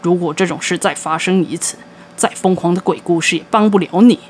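A woman voicing a grumpy, mean old grandfather who scolds and complains in a gruff way. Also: lowish voice, a little fast, a little hiss or hum, voice pushed down, close to an everyday voice. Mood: gruff scolding.

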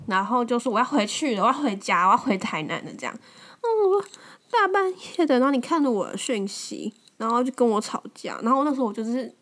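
A woman's voice: fairly high pitch, a bit bright. Chatty young woman telling a story. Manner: conversational, many fillers and restarts, rises when retelling angry lines. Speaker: podcast host. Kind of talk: casual storytelling monologue.

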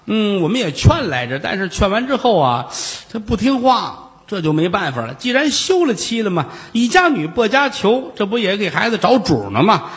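A man putting on a shrill scheming widow. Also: sing-song, normal speed, hardly any pauses, a bit bright, in a large hall. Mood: chattering. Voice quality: high, whiny, fawning. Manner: wailing protests, chattering excuses.

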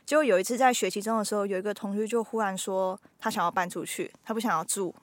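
A young woman, a podcast host casually telling ghost stories with lively suspense. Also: mid-range voice, quick pace, dry recording. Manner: lively storyteller, builds suspense.

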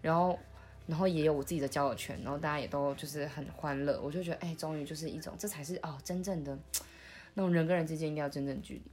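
A young woman, recalling her past in a soft, halting way, with many restarts, as she hosts a podcast. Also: low-pitched, fairly even intonation, faint music behind. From Taiwan. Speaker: podcast host. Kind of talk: intimate conversational storytelling.

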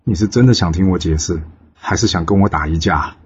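A man voicing a calm male Taoist immortal who explains himself evenly, in a low, husky voice. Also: fairly quick, muffled recording. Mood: challenging. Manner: calm, reasoning.

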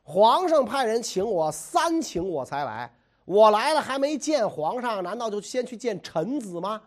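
A man's voice: high voice, very animated, unhurried, pitched above the performer's own voice. A man doing a mocking, lazy old hermit.

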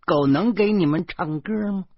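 A man voicing a bossy, sarcastic older aunt who nags in a drawn-out mocking tone, on a slightly muffled recording. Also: high-pitched, dry recording, pitched above the performer's own voice. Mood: mocking, preachy.

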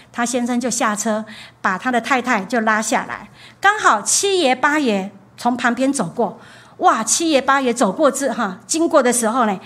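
Woman, from Taiwan, church sermon, storytelling, higher voice, repeats phrases. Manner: storytelling, repeats phrases for emphasis, frequent "ha" tag. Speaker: pastor's wife preaching.

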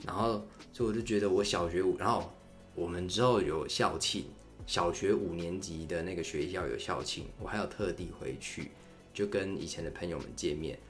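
A young podcast host tells a story solo in a candid, rambling, chatty way. His voice is low and he speaks at a normal pace over soft background music.

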